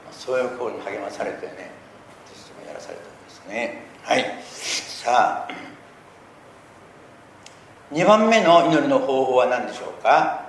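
A middle-aged man preaches in an earnest, storytelling way, letting his voice swell loud when he presses a point. His voice rings in a roomy, echoing space. A faint hiss of noise sits behind him. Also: medium pitch, lively intonation, unhurried, pauses often. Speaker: pastor. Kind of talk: sermon. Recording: echoey room with faint noise.

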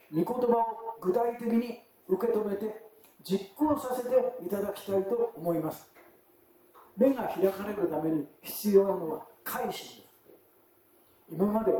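High-voiced man preaching in an echoey church. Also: warm tone, distant mic. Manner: chatty, asks the congregation questions, often adds "ne". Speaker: pastor. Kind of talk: sermon. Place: church sanctuary.

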